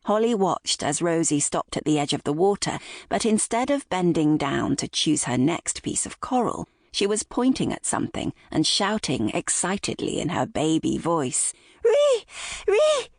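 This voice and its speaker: A woman narrating a novel in a measured, expressive storytelling voice. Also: sits low, gravelly, dry recording, clean studio sound. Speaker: audiobook narrator. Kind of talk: scripted narration.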